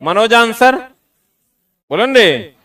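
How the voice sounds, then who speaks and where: Bright-voiced teacher teasing his class. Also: very high-pitched, sing-song, slow pace. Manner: teasing, scolding students in Bihari-tinged Hindi slang. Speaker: exam coaching teacher. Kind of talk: classroom lecture. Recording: voice from a distance.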